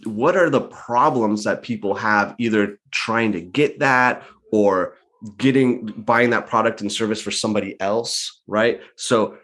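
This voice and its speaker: A man's voice: lowish voice, a little slow, fairly bright tone. A man as a guest in a casual interview, explaining his points conversationally and often ending them with "right?".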